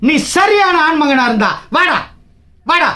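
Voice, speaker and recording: A man's voice: very high voice, very animated, measured pace, bright, forceful tone. A man from Tamil Nadu, a trade union leader, giving an angry political speech, combative and taunting, firing rhetorical questions.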